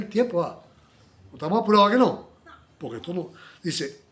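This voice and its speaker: A high-voiced man delivers a Bible study sermon, acting out short dialogues and veering between loud exclamations and quiet asides.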